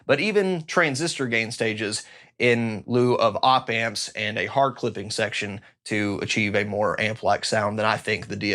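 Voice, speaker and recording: A man's voice: medium pitch, fairly bright tone. A man hosting a casual technical talk about guitar effects circuits, chatty and enthusiastic with self-deprecating asides. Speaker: guitar pedal reviewer.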